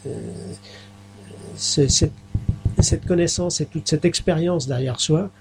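A middle-aged man, a mayor, answering interview questions in a halting way, with many fillers and restarts. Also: a little high, a little mellow, slight background noise. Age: middle-aged or older.

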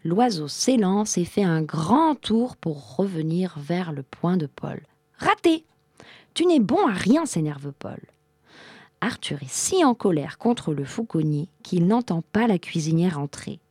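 Lively woman reading a children's story. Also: on the low side, measured pace, slightly rough, no echo, clean studio sound. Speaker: narrator.

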